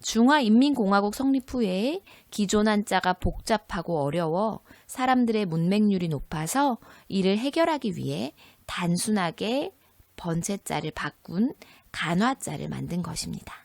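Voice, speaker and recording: A woman high school teacher giving a recorded textbook lesson, explaining slowly and clearly and asking her students questions. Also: lively intonation, a little mellow, no echo.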